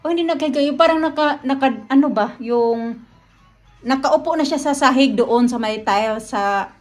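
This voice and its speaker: A woman's voice: high voice, moderate pace, soft background music. A woman from the Philippines, a family vlogger, telling a story in casual chat and often talking straight to her viewers. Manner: chatty storytelling, often addresses viewers directly.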